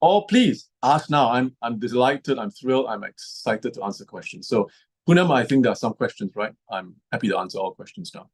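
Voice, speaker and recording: A man's voice: medium pitch, expressive, brisk, slightly rough. A man hosting a video call as lead ambassador, eager and repeating himself as he talks. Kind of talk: casual video call talk.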